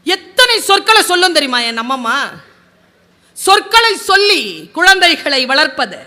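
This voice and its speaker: A woman giving a motivational storytelling talk, animated and speaking directly to her audience. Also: extremely high pitch, moderate pace.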